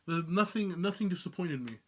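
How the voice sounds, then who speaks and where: Bright, laid-back man co-hosting. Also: sits high, animated, a little fast. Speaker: reaction channel co-host. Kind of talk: casual chat.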